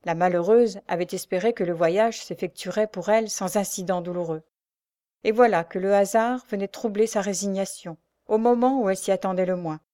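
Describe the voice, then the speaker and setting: A woman reading a novel aloud in calm, measured narration. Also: medium pitch, dry recording, studio quality. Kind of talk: scripted audiobook narration of a novel.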